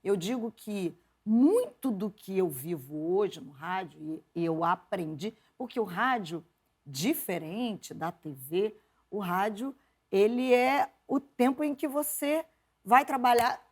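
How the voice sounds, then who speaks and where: A Brazilian woman, a journalist and preacher, telling stories from her upbringing in an interview, lively and quick to laugh. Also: mid-range voice. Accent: Brazilian Portuguese. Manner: lively, laughs often, quotes her mother in animated voices. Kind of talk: conversational interview storytelling.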